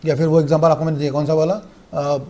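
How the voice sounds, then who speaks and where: A young man teaching law in a fast, animated online lecture that mixes in English. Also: fairly high pitch. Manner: fast-talking, animated, repetitive.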